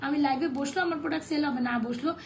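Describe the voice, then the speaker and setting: Hoarse, fast, high-pitched Bangladeshi saleswoman. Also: a little hiss or hum. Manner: chatty, mixes English sales phrases. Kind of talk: live sales stream.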